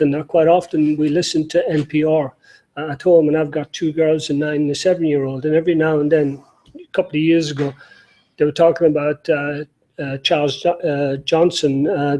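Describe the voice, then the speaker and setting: A man's voice: fairly high pitch, a little mellow, poor audio. A middle-aged man with an Irish accent, giving a conference talk with many fillers and restarts. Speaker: panel speaker.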